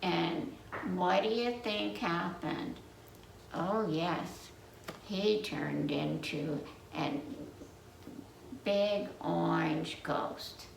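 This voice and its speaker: A library storyteller tells a children's story from memory, slowly and haltingly, wandering as she goes and posing dramatic questions to her listeners. Her voice is lowish with vocal fry. The distant mic catches a roomy space and faint noise.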